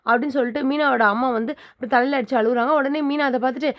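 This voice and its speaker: Quick, high-voiced woman retelling a serial. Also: fairly even intonation. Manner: rapid, chatty storytelling with many fillers. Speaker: serial story narrator. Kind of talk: casual retelling of a TV serial episode.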